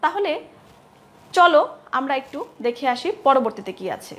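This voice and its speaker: A woman lecturer teaching a grammar lesson to students. She asks questions, answers them herself and repeats example words slowly. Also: high-pitched, animated, fairly bright tone. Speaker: English lecturer.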